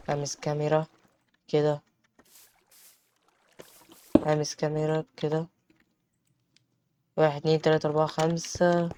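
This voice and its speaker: A man with an Egyptian Arabic accent giving chatty let's-play commentary on a game, breaking into panicked shouts. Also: a little high, background noise. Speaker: gaming channel host.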